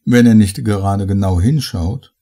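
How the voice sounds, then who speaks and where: A man's voice: lowish voice, measured pace, dark tone. A man doing a sly scheming host. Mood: excited. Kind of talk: audiobook character voice.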